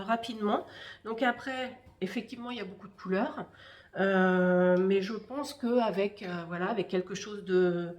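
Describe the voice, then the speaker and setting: A woman hosting a knitting podcast, chatting casually and hesitantly with many fillers while showing her work. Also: medium pitch. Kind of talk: casual show-and-tell chat.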